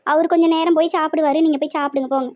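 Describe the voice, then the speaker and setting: A woman voices a cartoon village mother with a Tirunelveli accent, squeaky high and rapid. She nags and laments in a shrill, melodramatic way. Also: fairly even intonation, darkish tone, lightly acted. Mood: weary. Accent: Tirunelveli Tamil. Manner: shrill scolding, melodramatic complaints. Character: nagging middle-aged village mother.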